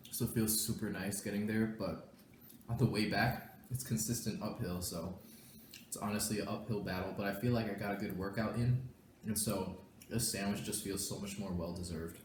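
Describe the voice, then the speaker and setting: A man's voice: lowish voice, a little mellow. A young man chatting casually to viewers while eating, talking with his mouth full between bites. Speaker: vlogger. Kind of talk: casual mukbang chat. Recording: roomy echo, faint background hiss.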